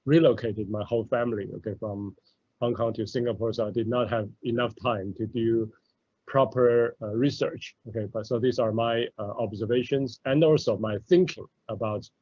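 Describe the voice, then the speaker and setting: A man's voice: medium pitch, steady tone, moderate pace, mellow, no room sound. A middle-aged man from mainland China, giving an academic lecture over a video call, hesitant and full of "uh" and "okay". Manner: hesitant, many fillers and "okay"s. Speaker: professor giving a talk. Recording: dull lo-fi video call audio.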